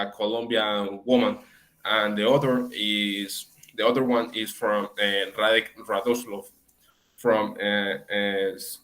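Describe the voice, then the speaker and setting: A young man reads his section of a class presentation in a slightly low voice. He pauses often and fills the gaps as he works through each point. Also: fairly bright tone, poor audio. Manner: hesitant, frequent fillers. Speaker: student presenter.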